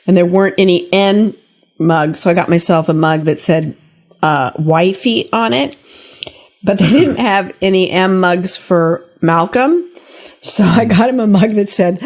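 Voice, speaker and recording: With a lowish, darkish voice, the older podcast host tells her own stories. Her tone is relaxed and conversational, aimed straight at the listener.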